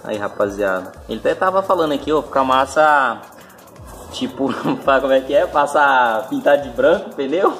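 A man with a Brazilian Portuguese accent hosting a casual vlog from a home garage, chatting in a relaxed, slangy way and often turning to his viewers. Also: medium pitch, moderate pace, soft background music. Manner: laid-back, slangy, keeps addressing the viewers. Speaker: channel host. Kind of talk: casual chat.

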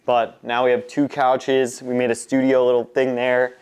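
Casual vlog host: American man in his twenties, clear resonant voice, informal walkthrough delivery. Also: mid-range voice, monotone, normal speed, a little mellow. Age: 20s. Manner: informal, mildly profane. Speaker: host giving a warehouse tour. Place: large concrete warehouse and upstairs office, indoors.

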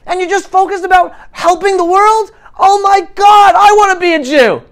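A middle-aged guest speaker from New York City gives high school students an impassioned motivational talk in a classroom, wearing a lapel mic. His voice is very high and his pace moderate. Emphatic and animated, he swings between loud and hushed.

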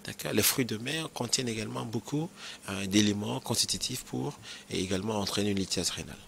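A man speaks as a physician in a broadcast health interview, in a somewhat low voice. He explains patiently and didactically, repeats his key advice and keeps asking whether he is understood. A faint hum of background noise sits under his voice. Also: fast, gravelly, fairly bright tone. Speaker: nephrologist.

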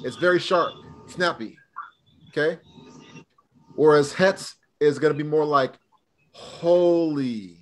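A man's voice: on the high side, unhurried, pauses often. Casual man drilling a Hebrew class. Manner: casual, drilling students with questions. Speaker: Hebrew teacher. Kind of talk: live online class.

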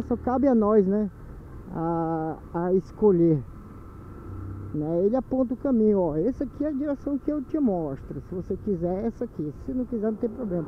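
Lo-fi Amazonas man vlogging from a motorbike. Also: high voice. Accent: Brazilian Portuguese, Amazonas. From Brazil, Manaus. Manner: slangy, repeats phrases, talks to viewers as "brother". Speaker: motovlogger. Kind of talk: casual monologue while riding. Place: on a motorcycle on city streets at night. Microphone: helmet or bike-mounted action camera. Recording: tinny lo-fi camera audio with faint wind and road noise.

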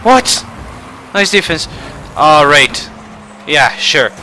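Bright high-voiced man muttering over gameplay. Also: big pitch swings, slow, a little hiss or hum, rough recording. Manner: frustrated, swings between muttering and shouting. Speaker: gaming channel host. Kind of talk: gameplay commentary.

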